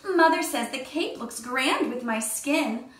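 A woman's voice: high voice, expressive, a little slow, fairly bright tone, roomy sound, recorded from a distance. Woman doing a vain little girl, Little Red. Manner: boastful, self-admiring. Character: bratty vain young girl in red cape.

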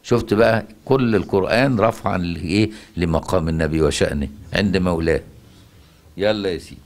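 A man's voice: deep voice, fairly quick. Egyptian man teaching Quran recitation. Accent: Egyptian Arabic. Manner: rhetorical questions, leans on repeated words. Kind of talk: explaining Quran recitation to a student.

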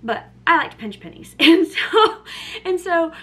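Filmed close up at arm's length in her kitchen, this young woman's casual vlog comes in a very high-pitched, sing-song voice that's a little slow and fairly bright. She's a lifestyle vlogger, chatty and upbeat, leaning heavily on "like" and "um."

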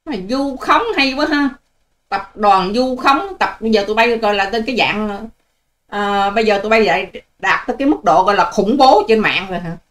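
A woman's voice: medium pitch, a little fast, fairly bright tone. An older woman, hosting her own channel in a combative, scolding and sarcastic vlog rant to her viewers. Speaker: online channel host. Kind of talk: ranting vlog monologue to viewers.

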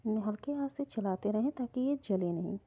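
A woman calmly narrating a step-by-step recipe in her home kitchen. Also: mid-range voice, fairly quick, slightly rough. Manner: calm, instructive, repeats "hum" often. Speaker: cooking channel host. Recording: dull lo-fi phone audio.

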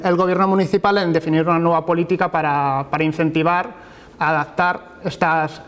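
A man presenting a research project at an academic seminar, often repeating words as he searches for the next phrase. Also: a little high. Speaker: university lecturer presenting research. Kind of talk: academic conference talk. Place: lecture hall with projected slides.

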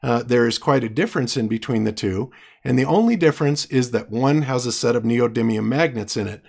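A man who is losing his voice, arguing his case in an online debate with halting speech and frequent restarts. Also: mid-range voice, gravelly, darkish tone. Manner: halting, many restarts and fillers. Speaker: debater presenting evidence.

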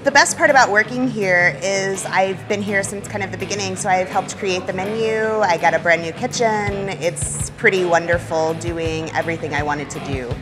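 A young woman chef talks in an interview for a competition show. Her voice sits on the low side. Music is clearly heard behind her. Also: normal speed, hardly any pauses. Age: young adult. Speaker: executive chef, contestant. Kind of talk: on-camera interview. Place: indoors at a brewery. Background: background music.

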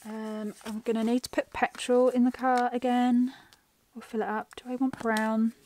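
Her voice wearing thin as she loses it, a middle-aged woman vlogger talks through her planning in a rambling plan-with-me narration. She speaks at normal speed in a fairly high, level, darkish voice.

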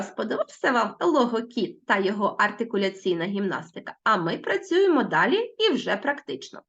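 A woman teacher giving a recorded lesson to schoolchildren, slowly spelling out sounds and words. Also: mid-range voice, a bit bright, muffled recording.

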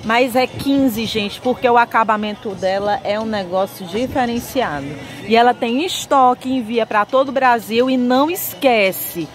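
At a lingerie stall in an indoor market, a woman with a Northeastern Brazilian accent hosts a shopping vlog, chatting enthusiastically in a sales style and treating viewers as friends. Her fairly high voice moves at normal speed with few pauses.

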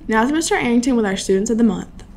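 A woman's voice: a little high, expressive, racing, creaky, darkish tone. A young woman anchoring scripted school morning announcements at a desk microphone. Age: teens to young adult, high school student. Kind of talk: scripted news announcements read to camera. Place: small studio at a desk. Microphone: desktop microphone.

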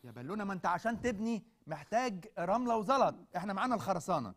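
A man's voice: sits high, sing-song, rapid-fire, a bit bright, full character voice. A man with an Egyptian accent playing a chatty neighbor who keeps misunderstanding in a comedy sketch. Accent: Egyptian Arabic.

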